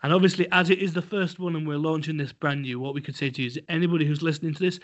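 This podcast co-host speaks very fast in a slightly high, fairly even voice, rambling through fillers and restarts. He's blunt and a touch crude, and the recording has a dull lo-fi quality.

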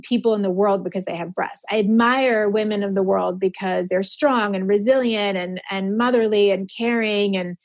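A woman's voice: medium pitch, normal speed, hardly any pauses, darkish tone. A woman in her forties talking openly and earnestly as an interview guest, emotional at times. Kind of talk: candid personal conversation.

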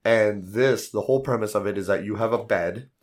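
Hoarse, low-voiced man podcasting. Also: brisk. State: hoarse, worn-out voice from yelling at a convention. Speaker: board game podcast host. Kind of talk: casual podcast chat.

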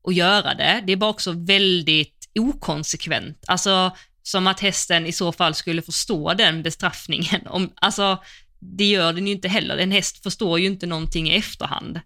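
A woman co-hosting a podcast, chatting casually and thoughtfully about competition riding, often pausing with fillers. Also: fairly low pitch, fairly even intonation, sharp tone, no echo, studio quality. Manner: thoughtful, hedges with frequent fillers. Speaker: podcast co-host.

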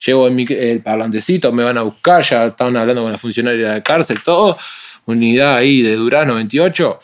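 Speaking briskly in a mid-range voice, a young Uruguayan-accented rapper tells animated street-slang stories as a guest in a casual interview. He imitates others' voices as he goes.

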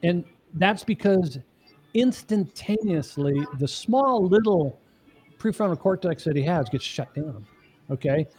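A middle-aged man with a high-sitting, slightly rough, a little mellow voice speaks expressively and without hurry. He's a marriage coach guesting on a podcast interview, explaining step by step in an earnest, emphatic manner and frequently asking the listener "okay?"

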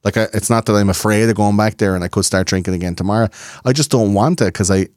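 A man's voice: lowish voice, quick pace, a little mellow, dry recording, studio quality. An Irish man talking as a podcast guest, swearing freely and acting out the voices of people he quotes. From Ireland. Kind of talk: casual interview chat.

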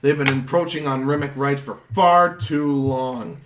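A man voicing a furious male townsman who curses and shouts in a tavern. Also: medium pitch, unhurried, roomy sound, background noise, voice pushed up, natural voice. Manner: shouting, cursing.

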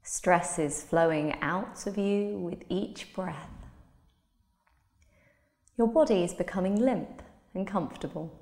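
A woman leads a guided relaxation in a soft, soothing voice, taking her time over every phrase. Her tone is warm and mellow, and the sound carries a long, roomy reverb as if in a large hall. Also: lowish voice. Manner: slow, soothing, soft-spoken delivery. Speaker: meditation guide.

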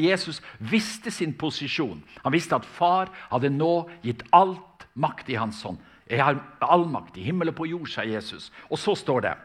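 A man's voice: fairly high pitch, a bit bright. Fervent male preacher. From Norway. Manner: fervent, emphatic, with frequent restarts. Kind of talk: sermon with storytelling.

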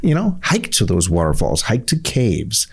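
A man's voice: lowish voice, slightly rough. Middle-aged guy cohosting a chill podcast, voice bounces around a lot, stops and restarts. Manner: lively, halting, repeats words while thinking. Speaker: podcast co-host. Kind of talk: casual chat.

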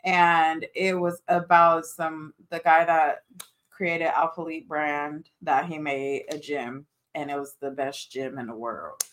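Een vrouw die als co-host van een podcast ontspannen en met straattaal praat, vaak lachend. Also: female voice, deep voice, steady tone, slow pace, a bit bright. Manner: laid-back, slangy, laughs often. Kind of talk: casual chat.

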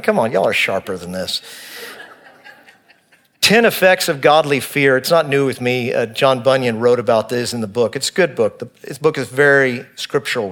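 A man's voice: mid-range voice, a bit bright. A man preaching a sermon in church, counting off his points and reading scripture with emphasis. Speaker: pastor.

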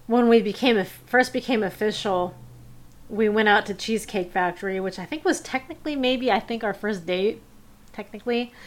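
A woman's voice: on the high side, fairly bright tone. A young adult woman casually recounting personal stories as a podcast host, with frequent fillers and little laughs. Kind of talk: personal storytelling.

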